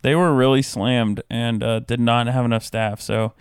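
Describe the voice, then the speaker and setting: Young guy hosting a podcast from the couch, smooth voice, deadpan jokes, dry mic. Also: medium pitch, no echo. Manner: quick deadpan quips. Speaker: podcast host. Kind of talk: casual chat. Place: apartment, lying on a couch.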